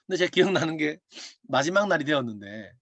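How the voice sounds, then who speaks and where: A man's voice: fairly high pitch, fast talker, no echo, highs cut off. A male pastor preaching a sermon as a personal testimony, telling the story with laughter and acting out what people said. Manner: animated storytelling with laughs and acted-out quotes. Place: online prayer meeting over video call.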